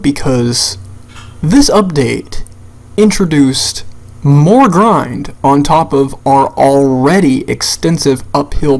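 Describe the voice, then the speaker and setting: A man with a creaky, gravelly voice of middling pitch talks off the cuff over game footage. He is blunt and exasperated, swearing freely as he complains his way through his commentary. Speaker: gamer making a rant video. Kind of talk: unscripted video game rant commentary.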